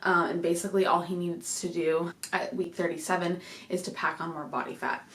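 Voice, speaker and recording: Young woman, vlogger, rambling, chatty, slightly breathless, lowish voice, echoey room. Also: little pitch movement, brisk. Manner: rambling, chatty, many fillers. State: a little out of breath. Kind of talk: casual pregnancy update vlog. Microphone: desk microphone.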